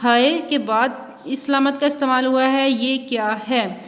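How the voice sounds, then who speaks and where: A woman teacher giving a recorded school lesson, explaining punctuation and reading a story aloud at a slow, careful pace. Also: sits high, steady tone, fairly bright tone, big-room sound, faint music behind. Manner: reads textbook examples and a story aloud, explaining slowly. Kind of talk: online Urdu class lecture.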